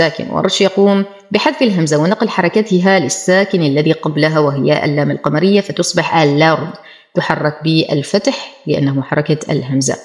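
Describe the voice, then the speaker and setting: Woman teaching Quran recitation, low voice. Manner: explains rules briskly, then draws out words slowly and deliberately. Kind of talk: tajweed lesson with slow recited examples.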